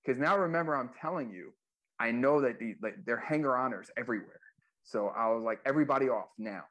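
A man's voice: mid-range voice, brisk, a bit bright. A man, a former music manager, telling stories in a casual interview, loose and profane with lots of fillers. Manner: loose, profane storytelling with many fillers and acted quotes.

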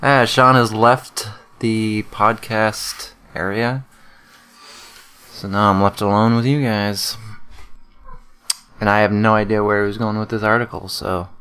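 A man's voice: lowish voice, fairly bright tone, smooth. A young man co-hosting a casual podcast, dropping wry jokes and asides as his partner tells a story. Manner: joking interjections and wry asides. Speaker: podcast co-host.

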